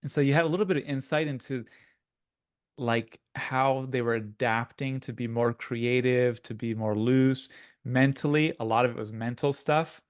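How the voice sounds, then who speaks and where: A man's voice: medium pitch, fairly even intonation, normal speed, clean tone, no echo, clean studio sound. Rambling man in casual podcast chat. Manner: rambling, many restarts and likes. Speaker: podcast co-host.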